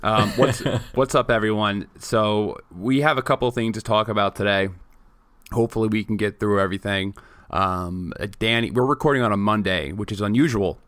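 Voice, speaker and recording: A man's voice: fairly low pitch, a little fast, fairly bright tone, no echo. A man in his late twenties co-hosting a casual podcast chat, joking and rambling with many restarts. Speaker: podcast co-host.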